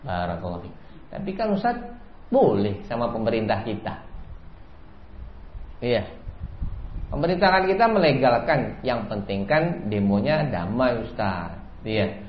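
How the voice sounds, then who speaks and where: A man's voice: medium pitch, big pitch swings, a little slow, pauses often, a little hiss or hum. A man giving a sermon lecture, repeating a set phrase often and rising sharply for emphasis. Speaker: Islamic preacher. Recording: echoey, dull lo-fi lecture recording.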